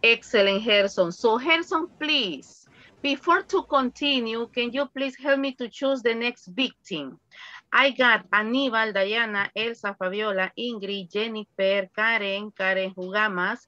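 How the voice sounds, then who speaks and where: Chatty woman teacher, bright voice. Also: fairly high pitch, slow pace, no room sound, muffled recording. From El Salvador. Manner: chatty, explains with examples. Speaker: English teacher. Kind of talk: online class.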